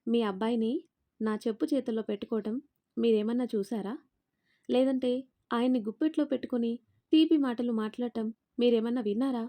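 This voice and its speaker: A defiant young daughter-in-law, as a woman storyteller puts her on, firm and confrontational with a raised voice. The pitch sits fairly high, the tone mellow. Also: fairly quick, pauses often, close to an everyday voice.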